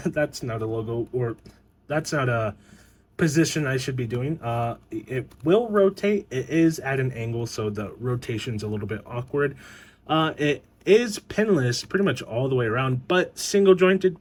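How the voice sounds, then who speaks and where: Rambling man reviewing a toy. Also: mid-range voice. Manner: rambling, stumbling over words, many fillers. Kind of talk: casual unboxing review.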